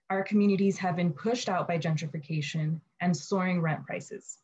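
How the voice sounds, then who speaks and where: A woman's voice: lowish voice, a little mellow, muffled recording. A woman community organizer giving an earnest prepared speech at an online event, with frequent ums and uhs.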